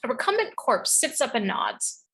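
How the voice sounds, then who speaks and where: A woman's voice: a little high, sing-song, moderate pace, a bit bright, slightly rough. A woman narrating the stage directions of a script in a read-through.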